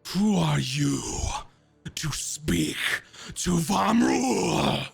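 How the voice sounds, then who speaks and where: A man playing a huge, menacing green dragon whose thunderous voice seems to fill the whole forest, speaking slowly and breathily as game master of a tabletop game. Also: on the high side, sing-song, creaky, husky, faint music behind, pitched above the performer's own voice, heavily acted. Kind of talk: voicing a creature in a tabletop game.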